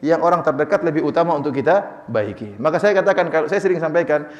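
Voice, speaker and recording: A quick-talking man preaching in a sermon Q&A, his slightly raised voice ringing in a long reverberant hall. He moves briskly, acting out little bits of dialogue. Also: fairly high pitch, highs cut off. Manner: lively, acts out quoted dialogue, chuckles. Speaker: preacher answering questions.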